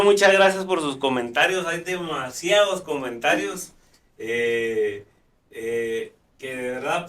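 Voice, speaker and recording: Picked up by a distant mic in a roomy space, a live talk show host with a slightly high, fairly bright voice chats along, often using fillers and starting his sentences over.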